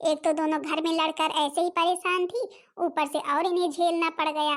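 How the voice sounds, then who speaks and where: A woman's voice: very high-pitched, little pitch movement, moderate pace. A woman voicing a scolding middle-aged elder sister-in-law in a cartoon, chattering and talking to viewers. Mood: chatty. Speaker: narrator figure addressing viewers. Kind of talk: Hindi cartoon voice acting.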